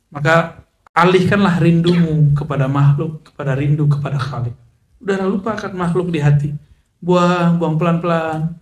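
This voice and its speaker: A man's voice: fairly high pitch, roomy sound, a little hiss or hum. A man preaching a casual religious lecture, joking with listeners, mixing in recited Arabic. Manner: chatty, joking asides, Arabic recitation mixed in. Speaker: Islamic preacher.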